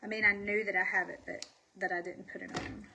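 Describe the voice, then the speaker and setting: A woman's voice: medium pitch, flat delivery, fairly quick, creaky, sharp tone, a little hiss or hum, low-quality recording. A woman with a Southern US accent and a stuffy, congested voice, chatting casually on a livestream in a folksy, self-deprecating way. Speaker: livestream host selling makeup. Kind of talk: casual livestream chat while doing makeup.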